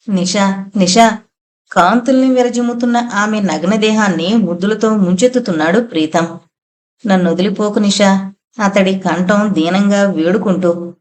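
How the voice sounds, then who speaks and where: A woman narrating a suspense audio novel from a script, with measured, dramatic pacing that builds tension. Her voice sits at an ordinary middle pitch for a woman. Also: a little mellow.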